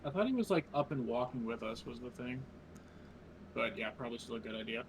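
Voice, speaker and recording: A man's voice: mid-range voice, animated, fairly quick. A man chatting casually as a player in an online tabletop game. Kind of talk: casual chat. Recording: noisy home voice chat.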